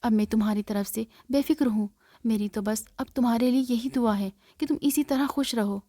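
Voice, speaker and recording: A woman voicing a gentle, affectionate aunt in a spoken story. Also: a little high, no room sound, studio quality, lightly acted. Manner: tender, affectionate. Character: loving, gentle aunt, a middle-aged woman.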